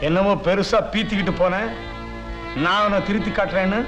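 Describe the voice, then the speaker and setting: An actor playing a gruff village father in a Tamil film, scolding and quoting folk sayings, with a Tamil accent. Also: high-pitched, fairly even intonation, a little fast, loud music behind the voice, lightly acted. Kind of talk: Tamil film drama acting.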